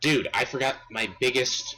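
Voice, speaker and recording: A man's voice: mid-range voice, steady tone, moderate pace, pushed and bright, a little hiss or hum, rough recording. A young man co-hosting a sports podcast, ranting emphatically about player stats in casual chat. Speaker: podcast co-host.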